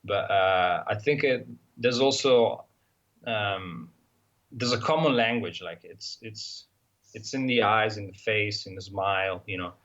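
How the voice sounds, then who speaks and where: Heard through a muffled recording, an unhurried Italian man with a fairly low pitch and fairly bright tone answers as an interview guest. The motorcycle traveler's accented, casual speech is full of hesitations, fillers, and restarts.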